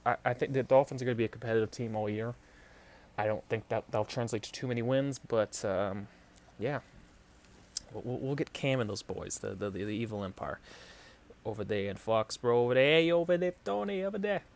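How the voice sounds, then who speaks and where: Podcast host, male, New York accent, lowish voice, loose halting sports chat. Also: fairly even intonation, darkish tone. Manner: halting, lots of fillers and restarts. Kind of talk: casual sports predictions chat.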